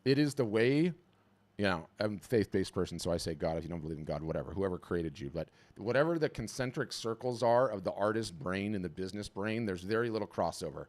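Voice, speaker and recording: Male webinar host, low voice, energetic coaching talk with quick restarts. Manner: energetic, animated, repeats words when starting a thought.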